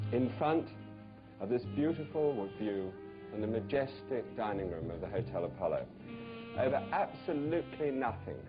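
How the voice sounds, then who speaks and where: A man's voice: mid-range voice, muffled recording. A man hosting a TV cooking show in front of a live studio audience, joking and teasing the audience as he talks. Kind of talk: comic cooking show monologue.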